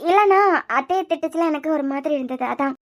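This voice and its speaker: A squeaky, very high, fast-talking young cartoon woman with a Kanyakumari Tamil accent, as a woman puts her on. She pleads and explains in a quick, earnest run. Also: natural voice. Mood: pleading. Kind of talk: cartoon serial voice acting.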